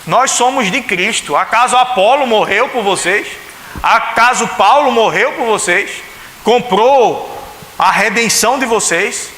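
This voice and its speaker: A man's voice: high-pitched, measured pace, sharp tone. A male pastor with a Pernambuco Brazilian accent preaching a sermon in a church, chatty and full of rhetorical questions, acting out the voices he quotes. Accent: Pernambuco Brazilian Portuguese. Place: church sanctuary. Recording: echoey church hall, faint hiss.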